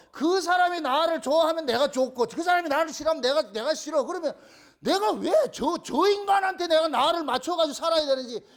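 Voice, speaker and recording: A middle-aged male pastor with a Gyeongsang accent, preaching a playful sermon and acting out little scenes in voices. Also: extremely high pitch. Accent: Gyeongsang Korean. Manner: animated, playful, acts out phone calls in voices.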